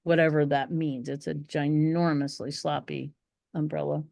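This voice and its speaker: A woman, a dog trainer as guest, telling lively stories and acting out voices in conversation. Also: low voice, moderate pace, vocal fry, no echo, clean studio sound. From outside the UK. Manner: animated, acts out quoted voices. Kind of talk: conversational storytelling on a live stream.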